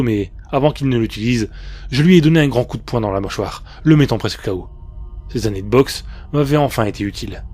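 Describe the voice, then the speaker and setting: A man narrates a scripted horror tale in the first person. His voice is dark and mellow, set at an ordinary male pitch. Faint music plays underneath. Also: husky. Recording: faint music bed behind the voice. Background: soft background music.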